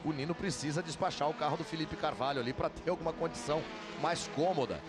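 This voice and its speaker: A man's voice: on the high side, fast, loud music behind the voice. A man with a Brazilian accent giving live motor race commentary, drawing out his calls of the action dramatically. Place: commentary booth at a racetrack. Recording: loud engine and trackside noise behind. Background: loud car and outdoor track noise.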